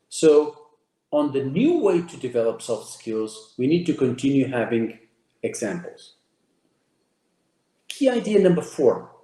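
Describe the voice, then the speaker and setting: This is a native Portuguese speaker presenting emphatically to a crowd, listing key ideas one by one and repeating himself along the way. His mid-range voice has a dark tone and the recording sounds roomy.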